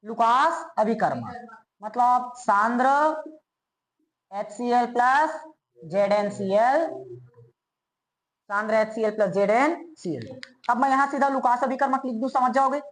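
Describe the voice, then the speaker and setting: Fairly high-pitched woman lecturing on chemistry. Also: measured pace, pauses often, low-quality recording. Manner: asks students repeated check questions and answers them herself. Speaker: chemistry teacher. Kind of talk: classroom lecture.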